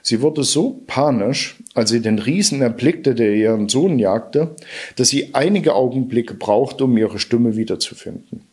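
A man narrating a fairy tale aloud in a lively, expressive storybook reading. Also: medium pitch, a little slow, slightly rough.

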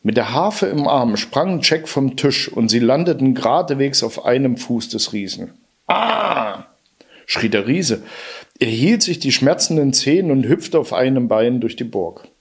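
Man, storybook narrator, husky voice, middle pitch, expressive reading. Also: normal speed.

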